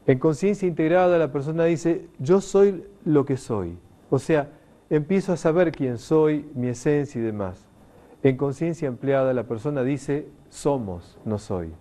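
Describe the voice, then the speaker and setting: A man's voice: fairly high pitch, measured pace. A middle-aged man, giving an emphatic spoken lecture to an audience and acting out the quoted voices. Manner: warm, emphatic, animated teaching delivery with quoted voices. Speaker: lecturer on consciousness.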